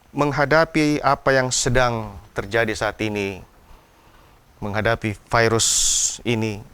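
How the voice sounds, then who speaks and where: A pastor with an Indonesian accent preaches a devotional sermon earnestly, raising his voice when he cries out to God. His voice is medium-pitched, smooth, and a bit bright.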